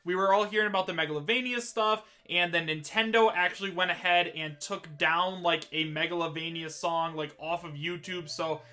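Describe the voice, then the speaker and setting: A man's voice: high-pitched, normal speed, few pauses, pushed and bright. A man hosting a casual gaming chat, talking eagerly in slang with lots of "dude" and "bro". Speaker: host.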